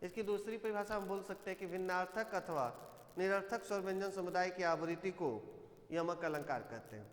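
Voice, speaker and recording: High-voiced man teaching Hindi, echoey. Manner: explains step by step, asking and answering his own questions; slows down to recite verse examples. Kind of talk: live online class lecture. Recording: echoey room with long reverb.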